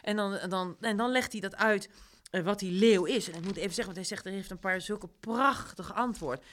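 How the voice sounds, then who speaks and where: A woman leading a casual discussion of a story, retelling scenes with lively quoted lines. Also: mid-range voice, a little fast. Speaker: discussion leader.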